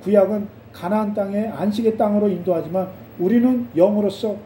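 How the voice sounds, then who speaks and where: Pastor guy preaching in a church, high voice, real dark mellow tone, kinda far off the mic, roomy echo. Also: fairly even intonation, brisk, slight background noise. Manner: colloquial preaching, rhetorical questions, dramatized quotes. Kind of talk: sermon.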